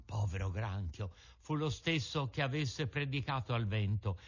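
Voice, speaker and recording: A man from Italy reading a classic children's book aloud with lively, theatrical storytelling. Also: lowish voice, normal speed, husky, soft background music. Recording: dull lo-fi recording.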